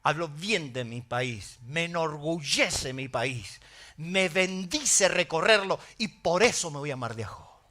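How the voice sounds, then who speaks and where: High bright-voiced Argentine pastor preaching. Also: male voice, a little slow. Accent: Argentine Spanish. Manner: animated storytelling with emphatic exclamations. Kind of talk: sermon.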